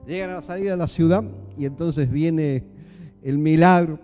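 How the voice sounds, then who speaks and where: A man preaching a sermon in a church with an Argentine Spanish accent, animated and full of rhetorical questions to the congregation. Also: on the high side, normal speed, muffled recording, soft background music. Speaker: pastor.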